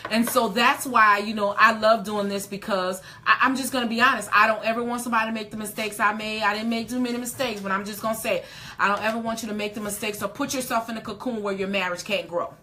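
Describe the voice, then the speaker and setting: A woman's voice: medium pitch, fairly even intonation, quick pace, pushed and bright, slight background noise. A woman in her late forties hosting a casual live chat, emphatic and folksy, repeating words for stress. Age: 40s. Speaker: host.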